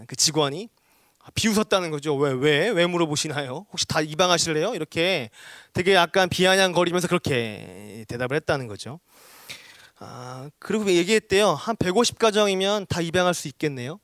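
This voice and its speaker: High-voiced Korean preacher calling for amens. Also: male voice, fairly bright tone, dry recording, clean studio sound. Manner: keeps addressing the congregation and calling for amens; swells to high, emphatic exhortations. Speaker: missionary preacher. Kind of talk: sermon. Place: church hall.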